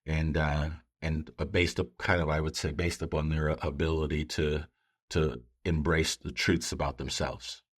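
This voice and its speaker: A man speaking as a pastor in a conversational podcast style, earnest and halting, often voicing other people's remarks. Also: a bass voice, flat delivery. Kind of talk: conversational podcast talk with storytelling.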